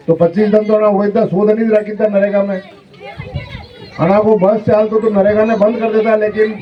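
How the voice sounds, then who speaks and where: A man's voice: high voice, far from the mic, dull audio, background noise. A man with a Rajasthani accent giving a rambling, rustic campaign speech to villagers as a politician. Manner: rustic, rambling, repeats himself.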